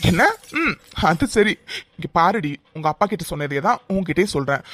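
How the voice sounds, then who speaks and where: A loyal young fiancé played by a man reassures his tearful sweetheart in a calm, steady tone. His voice sits fairly high for a man. The recording is close and dry. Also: fairly quick, no room sound. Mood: soothing. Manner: soothing, reassuring. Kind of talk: cartoon voice acting.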